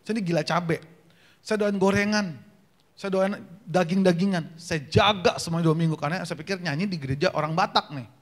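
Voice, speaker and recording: A man from North Sumatra, a gospel singer and preacher, giving a humorous testimony sermon at a church prayer meeting, joking and acting out dialogue in quick changes of voice, his voice a little worn. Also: sits high. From North Sumatra, Indonesia. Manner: jokey storyteller, acts out dialogue with quick voice changes. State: slightly worn voice.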